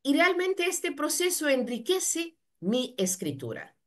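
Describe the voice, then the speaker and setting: A woman's voice: high voice, big pitch swings, slow pace, fairly bright tone. A woman interpreting at a seminar, fluently rendering the speaker's words in the first person.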